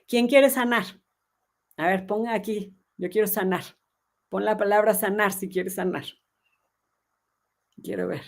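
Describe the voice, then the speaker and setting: A woman, hosting a live parenting talk and answering viewer comments, earnest and emphatic, with soft asides in the voice of a hurt inner child. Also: mid-range voice.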